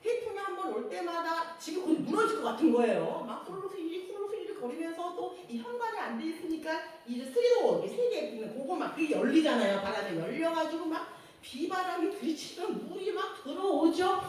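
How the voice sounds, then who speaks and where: Woman telling her church testimony, high voice that swoops all over, faint hiss, big echo. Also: fairly quick, few pauses. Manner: animated storytelling, acts out quotes, laughs often. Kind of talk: personal testimony. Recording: echoey room, distant mic, faint noise.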